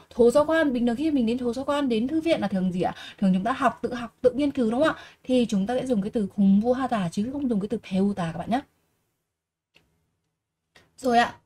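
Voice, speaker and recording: A woman teaching a Korean vocabulary lesson in Vietnamese, reading each word slowly and repeating it before explaining. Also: fairly high pitch. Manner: slow, repeats each word three times and explains patiently.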